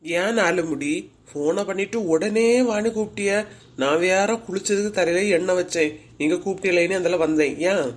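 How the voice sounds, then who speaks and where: A woman's voice: fairly low pitch, brisk, natural voice. A woman voicing a firm but caring village woman in a cartoon, speaking with a Kanyakumari Tamil accent. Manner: firm, scolding, consoling. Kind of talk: cartoon voice acting.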